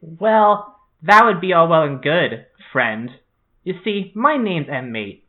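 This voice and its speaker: A man's voice: fairly high pitch, very animated, takes it slowly, voice pushed up. A man voicing a small, cheerful male mandragora who guards his village, speaking formally in a raised voice. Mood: stern. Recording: tinny phone-like call audio.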